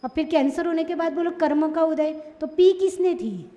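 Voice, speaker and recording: A woman's voice: very high voice, normal speed, dark tone, lo-fi sound. A Jain nun giving a sermon in Hindi with an Indore accent, scolding and putting rhetorical questions to her listeners. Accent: Indian Hindi, Indore. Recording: long hall reverb.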